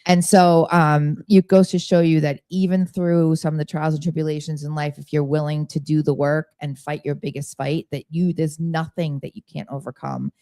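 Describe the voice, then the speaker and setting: Earnest woman radio host, dark tone. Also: low-pitched, flat delivery, normal speed, hardly any pauses, dry recording, studio quality. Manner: earnest, emphatic, talks of faith. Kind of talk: casual interview.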